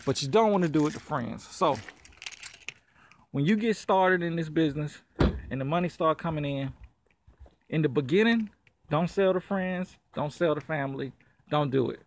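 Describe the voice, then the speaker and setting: A blunt, slangy man with a high voice gives casual vlog advice from his small office. He talks straight at the viewer with the loose ease of someone who runs his own used-car business, with faint noise in the background. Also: moderate pace, pauses often.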